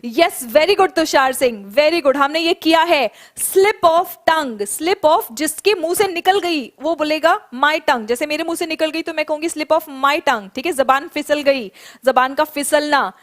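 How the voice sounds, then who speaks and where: A young woman runs an online English class, her voice sitting high as she explains in Hindi. She slows right down on each English phrase so the students can say it back. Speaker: English teacher.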